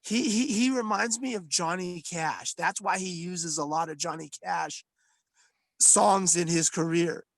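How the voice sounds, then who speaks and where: A man's voice: high voice, a little slow, creaky, dry recording. A man co-hosting a podcast, ranting with passion and frequent swearing in casual chat. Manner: impassioned, swearing, rambling rant. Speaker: podcast co-host.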